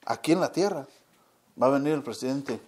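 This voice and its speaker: Man preaching, casual, dark voice. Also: mid-range voice, brisk. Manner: conversational, keeps asking "¿verdad?" and "¿ven?". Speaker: lay preacher.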